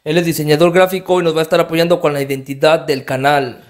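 A man's voice: a little high, fairly even intonation, fast. A young man hosting a casual interview in a small music studio. He asks questions with many hesitant fillers, speaking into a handheld mic. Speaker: interview host.

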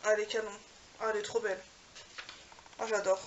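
A woman beauty vlogger chatting casually to camera as she unwraps gifts, gushing and filling pauses as she goes. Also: mid-range voice, flat delivery, dull audio, slight background noise. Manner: gushing, chatty, filler-heavy. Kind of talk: casual unboxing chat to camera.

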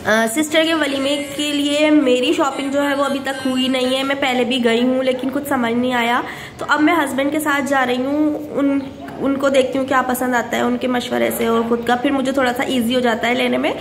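A woman's voice: sits high, level tone, a little fast, few pauses. A woman in her thirties chatting to her phone camera at home, casual and talkative, mixing in English phrases and addressing viewers as guys. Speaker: vlogger. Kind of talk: casual vlog chat to camera. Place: home veranda with plants, indoors and out. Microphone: phone camera at arm's length. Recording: echoey room with background noise.

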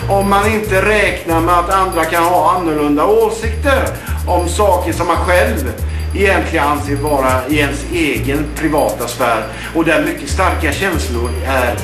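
A middle-aged man giving an earnest, deliberate and indignant opinion monologue into a webcam up close, in a small room. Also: fairly high pitch, animated. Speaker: blogger. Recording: roomy echo with background music. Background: background music.

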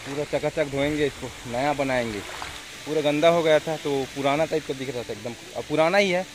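Brisk and a little high-pitched, this young Chhattisgarhi-accented vlogger from India chats to the camera outdoors in a rural village. He records on a phone at arm's length, and the background is noisy.

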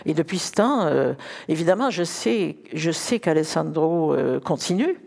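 A woman's voice: low-pitched, lively intonation, moderate pace, vocal fry, darkish tone, breathy edge. An older woman talking unscripted about music as an ensemble director, in hesitant stop-start phrases with repeated words. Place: large concert hall stage, indoors. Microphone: headset.

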